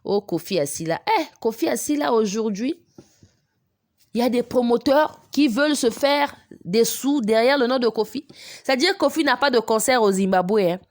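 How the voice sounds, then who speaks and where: A woman's voice: on the high side, expressive, moderate pace, no room sound, clean studio sound. A woman hosting a celebrity news channel, chatting casually with many fillers as she reads fan comments aloud and translates them.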